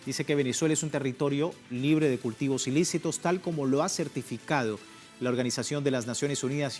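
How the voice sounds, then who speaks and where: A man's voice: medium pitch, a little mellow. Male news host over music. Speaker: TV programme host. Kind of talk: news programme presenting and interviewing. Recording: music playing behind the voice.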